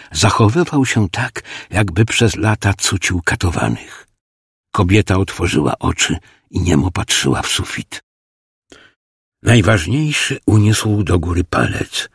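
A man reading an audiobook as narrator, in a slow, measured, grave manner on a close studio mic. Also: low voice, very animated, creaky, husky, no room sound. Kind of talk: scripted narration.

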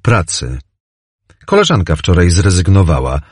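A man's voice: deep voice, huge pitch swings, measured pace, slightly rough, dry recording, clean studio sound, exaggerated voice. A man voicing a friendly young waitress. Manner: casual, plain-spoken. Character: young woman, a friendly seaside café waitress.

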